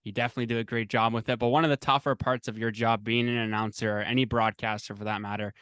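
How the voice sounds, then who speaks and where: A man hosts a casual interview, easygoing and friendly as he poses his questions. His voice is smooth and resonant at a middle pitch. The sound is dry and close. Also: flat delivery, fast, a bit bright, no room sound. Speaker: podcast host.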